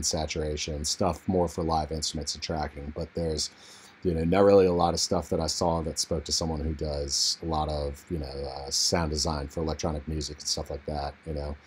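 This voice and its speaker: A man recording a laid-back software walkthrough in an untreated room on a low-quality built-in computer mic, talking casually with frequent fillers. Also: a little hiss or hum. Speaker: music production tutorial host. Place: untreated room in a family home. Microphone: internal computer mic.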